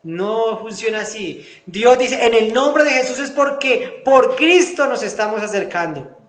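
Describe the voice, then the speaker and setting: A man preaching a sermon in Spanish, rising into emphatic bursts and then praying quietly and fervently. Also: very high voice, animated, unhurried, reverberant. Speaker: pastor. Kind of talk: sermon and spoken prayer.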